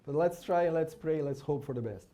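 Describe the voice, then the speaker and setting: This Brazilian conference speaker lectures in English on fetal hearts during a live scan, his Brazilian Portuguese accent clear. He has a slightly high but dark-toned voice, a moderate pace, and a casual style packed with restarts and tag questions.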